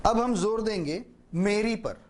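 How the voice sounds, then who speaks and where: A man teaching a spoken lesson on public speaking, deliberately demonstrating how stress on different words changes meaning. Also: sits high, slight background noise. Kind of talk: spoken lesson on speech emphasis.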